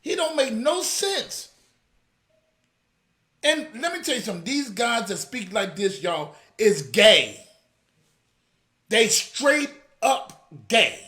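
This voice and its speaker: A man's voice: very high voice, sing-song, takes it slowly, pauses often, pushed and bright, roomy sound. A man hosting a religious commentary show, fiery and scolding, calling out to his audience directly. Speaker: apostle and show host. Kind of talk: reaction commentary.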